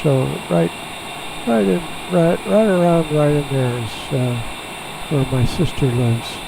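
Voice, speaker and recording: A man flying a small jet who talks through each step in a relaxed, halting way, heard over a pilot headset in the cockpit. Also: on the high side, gravelly. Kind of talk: casual narration while flying. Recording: steady cockpit and engine noise.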